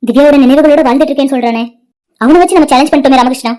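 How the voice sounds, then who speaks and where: A woman voicing a caring young wife in a cartoon, earnest and quick to scold. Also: high-pitched, warm tone, lightly acted. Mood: reproachful.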